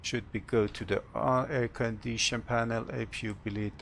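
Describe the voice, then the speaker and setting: A man who is a non-native English speaker, working as an airline captain, talking through cockpit procedures and announcements in short, halting, procedural phrases. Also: mid-range voice, steady tone, gravelly, a bit bright, a little hiss or hum. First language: not English. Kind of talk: cockpit procedure narration, checklist callouts and announcements.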